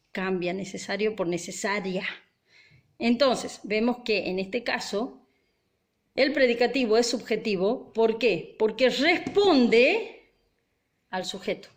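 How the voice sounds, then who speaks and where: A woman's voice: on the high side, animated, slow pace. A woman teacher patiently explaining grammar, often checking that her students follow. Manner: patient, asks frequent check questions. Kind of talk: grammar lesson, explaining at a board.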